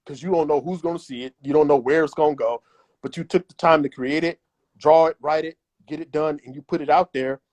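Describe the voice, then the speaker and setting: A man's voice: a little high, a little mellow. A man as an interview guest giving emphatic, repetitive advice in a casual chat. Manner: emphatic and repetitive, acts out imagined voices.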